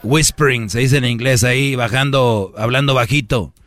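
A man's voice: medium pitch, normal speed, fairly bright tone. A man hosting a comedy radio show, teasing and mock-scolding his listeners in slangy casual talk. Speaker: radio host.

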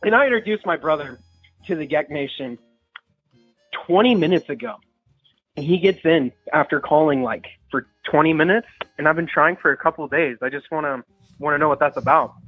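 A young man calls into a show and speaks with hesitation, often stammering. His voice sits a little high. He comes through a tinny phone line, with faint music in the background. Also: fairly quick, breathy edge. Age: young adult. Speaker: caller. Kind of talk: phone-in confession.

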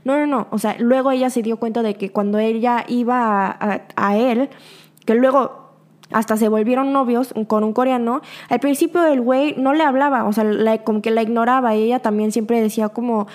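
A young woman with a Mexican accent, hosting a podcast and chatting casually in reply to a listener's voice message. She talks in an animated way, acts out quoted lines and laughs often. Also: a little high, normal speed. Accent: Mexican Spanish. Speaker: podcast host.

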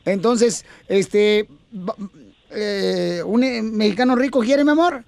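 A man hosting a radio show casually, with a teasing, flattering manner. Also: high-pitched, takes it slowly, vocal fry.

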